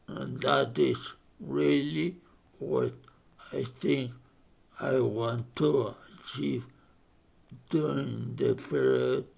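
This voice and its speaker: A man in his fifties from Spain with a speech impairment, giving a halting self-introduction as a board candidate. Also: mid-range voice, creaky, darkish tone, husky. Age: 50s. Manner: halting, broken into short phrases.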